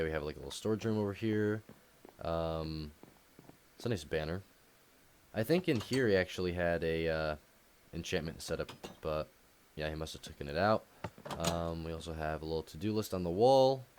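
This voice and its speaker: A young man casually touring his game world, rambling with frequent ums and soft laughs. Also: sits low, a little hiss or hum. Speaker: gaming YouTuber. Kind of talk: casual game tour commentary.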